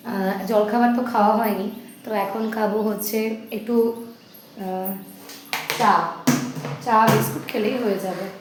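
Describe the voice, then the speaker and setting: A woman with a hoarse voice chatting casually in a home vlog, often stopping to talk to her baby. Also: mid-range voice, fairly even intonation, moderate pace, long pauses, echoey room, over music. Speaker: vlogger.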